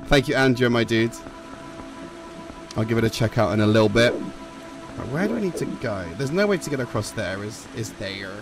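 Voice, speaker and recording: A man's voice: mid-range voice, expressive, normal speed, long pauses. Chatty man streaming a game. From England. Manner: chatty, reads and thanks chat while playing. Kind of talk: casual live-stream commentary. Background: game music.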